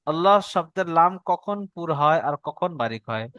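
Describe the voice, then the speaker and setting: Man, Bengali accent, patient tajweed teacher, smooth resonant voice, dry close sound. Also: a little high, expressive, a bit bright, no echo, dull audio. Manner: patient, repeats each point slowly for the student. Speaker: Quran recitation teacher. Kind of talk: online tajweed lesson.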